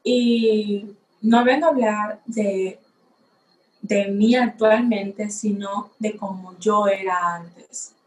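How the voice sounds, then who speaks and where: A young woman of nineteen tells her faith testimony on her podcast, speaking slowly and thoughtfully. She sounds a little unsure as she recalls things. Her mid-pitched voice echoes in the room around her. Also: fairly even intonation, a little mellow. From Dominican Republic. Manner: unhurried, reflective, a little unsure. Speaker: podcast host. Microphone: facing a camera.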